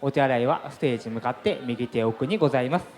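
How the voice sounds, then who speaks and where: A man's voice: medium pitch, fast talker, darkish tone, roomy sound. A man giving formal, courteous announcements to guests at a crowded event venue. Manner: formal, courteous customer-service phrasing.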